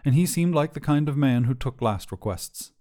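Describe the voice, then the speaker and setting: Reading from a script, a man narrates a short story at a moderate pace. His medium-pitched voice is mellow and soft-edged, and his expressive delivery rises and falls with lively intonation.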